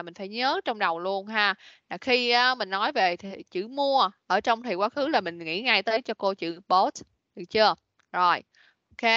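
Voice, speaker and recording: A woman runs an online English class in a bright, clear voice, patiently prompting her pupils. The sound is dry and a little dull, like a call picked up by a computer mic. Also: mid-range voice, dry recording. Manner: patient, prompting, mixes English words into explanations. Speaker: English teacher. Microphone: computer mic on a video call.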